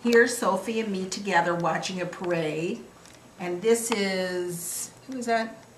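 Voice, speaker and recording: A woman's voice: mid-range voice, a little slow. An older grandmother reminiscing casually over family photos in a sweet, affectionate old-lady manner. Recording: echoey room with clear background noise.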